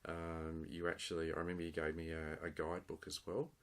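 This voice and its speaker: A man hosts a relaxed local interview. His voice is very low and his questions come with plenty of uhs and repeated words. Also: brisk. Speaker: podcast host, interviewer. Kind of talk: casual interview.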